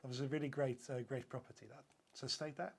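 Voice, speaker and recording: A hotel sales director from the Netherlands chats eagerly on a podcast in a casual interview. His Dutch-accented voice is mid-range, steady and creaky, and he talks fast, peppering it with fillers and restarts.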